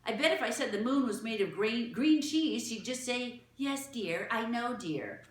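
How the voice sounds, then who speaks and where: A woman's voice: fairly high pitch, expressive, normal speed, echoey room, pitched above the performer's own voice, close to an everyday voice. A woman voicing an argumentative, suspicious young boy in a storybook reading.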